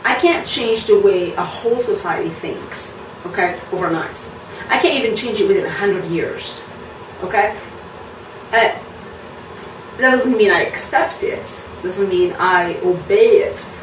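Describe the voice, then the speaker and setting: A woman talks frankly to the camera in a loose, chatty way, often pausing on an um or a you know. Her voice sits at a middle pitch and carries some room echo. She sounds a little back from the mic, with a faint hum behind her. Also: far from the mic. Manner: frank, lively, many ums and you knows. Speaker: belly dance teacher. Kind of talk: casual chat to camera.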